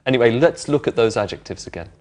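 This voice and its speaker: Man explaining clearly. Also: medium pitch, lively intonation, quick pace, a little mellow. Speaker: presenter of an English lesson. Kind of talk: friendly teaching explanation. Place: indoor studio with brick walls.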